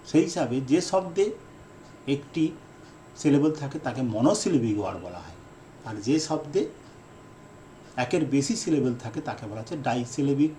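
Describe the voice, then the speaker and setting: A man who is an English teacher giving a lesson, repeating his key definitions and speaking in slow, deliberate phrases with fillers. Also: medium pitch, animated, mellow, a little hiss or hum. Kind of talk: explanatory lesson lecture.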